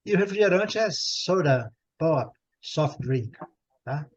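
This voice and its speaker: A middle-aged Brazilian man with a Brazilian Portuguese accent leads a group English class, slowly repeating English words for his students. His voice is fairly high, animated and husky, and the recording has its highs cut off.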